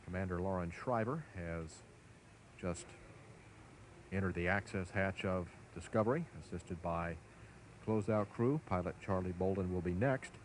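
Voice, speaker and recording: Low-voiced male launch commentator. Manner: measured, formal. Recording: faint background noise.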